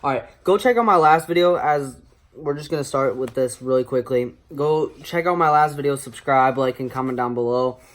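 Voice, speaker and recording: A man's voice: medium pitch, normal speed. A young man chatting casually as an online video creator, rambling and repeating his phrases. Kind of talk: casual vlog chat.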